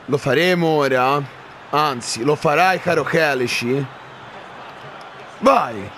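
A man commentating his own football game, excitable, shouting at chances and swearing at misses. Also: a little high, measured pace, slight background noise. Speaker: gaming YouTuber.

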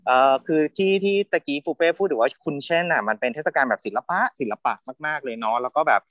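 Brief: male panelist, mid-pitched, hesitant and filler-heavy, dry close sound, video call. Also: animated, fast talker, a bit bright, dry recording. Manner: hesitant, thinking aloud with many fillers. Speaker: theatre panelist. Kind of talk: casual panel chat.

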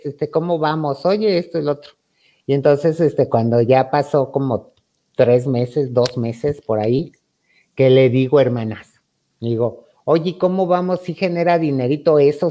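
A man's voice: a little high, warm tone. A man with a Mexican accent telling a playful, chatty story to his audience, acting out the quoted lines. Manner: chatty, playful, campy, calls the audience "hermanitas". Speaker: YouTuber host. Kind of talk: storytime monologue.

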